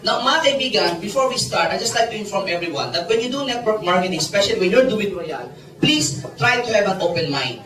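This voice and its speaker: A man's voice: sits high, animated, fairly quick, pushed and bright. Man, playful seminar storyteller, echoey room, distant mic. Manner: playful, teasing the audience, mixes Tagalog and English. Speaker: network marketing seminar speaker. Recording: echoey room, mic far off, audience chatter.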